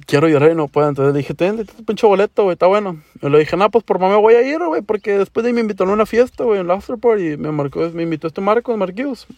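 Podcast storyteller: young man, northern Mexican border accent, Chicano-flavored profane slang, fairly high gravelly voice, close dry sound. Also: lively intonation, very fast, hardly any pauses, darkish tone, no echo. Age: young adult. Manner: slangy, profane, with Chicano-style English words mixed in; acts out dialogue. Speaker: podcast host.

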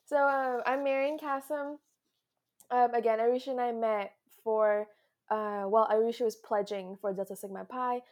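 Young woman from France, podcast guest, high-ish voice, giggly, rambling, video call sound. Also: fairly even intonation, moderate pace. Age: young adult. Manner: giggly, rambling, self-deprecating. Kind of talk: casual interview.

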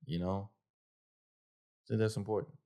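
A man's voice: fairly low pitch, little pitch movement, normal speed, very noisy. A man co-hosting a podcast in casual, colloquial chat, addressing his friend like a buddy. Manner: colloquial, peppers speech with "bro" and "man". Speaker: podcast co-host.

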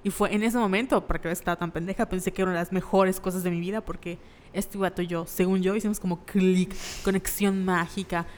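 Lively Mexican woman acting out stories. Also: fairly low pitch, a little fast, big-room sound, a little hiss or hum. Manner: animated storyteller, acts out quotes, laughs often. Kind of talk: casual chat.

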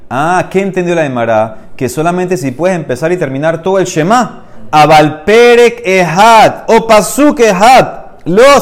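Man explaining Talmud in an animated class. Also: fairly high pitch. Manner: reads the text, then explains each phrase; addresses listeners directly, emphatic. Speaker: Talmud teacher.

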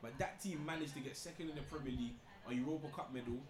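Man, urban London accent, quick pace, roomy sound with other voices, opinionated casual debate. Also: mid-range voice, crowd noise. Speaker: football podcast panellist.

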